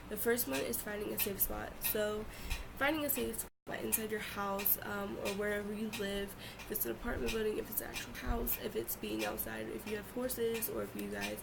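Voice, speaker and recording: A young woman chatting informally and haltingly in a confessional vlog, repeating words for emphasis. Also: medium pitch, vocal fry. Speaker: vlogger. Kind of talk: casual confessional vlog chat. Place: bedroom at home. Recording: loud fan noise in room. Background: two loud fans running.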